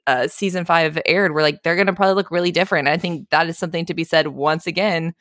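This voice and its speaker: A woman co-hosting a casual TV recap podcast, chatting in an excitable, gushing way. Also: fairly low pitch, fast, no room sound, clean studio sound. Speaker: podcast co-host.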